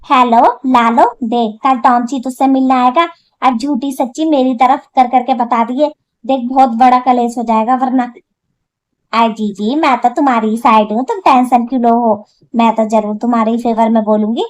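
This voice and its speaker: A woman's voice: a little high, fairly even intonation, normal speed, lightly acted. A woman voicing a scheming old witch who plays a mother-in-law in a cartoon, speaking in a wheedling, conspiratorial way. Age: older. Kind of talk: cartoon voice acting.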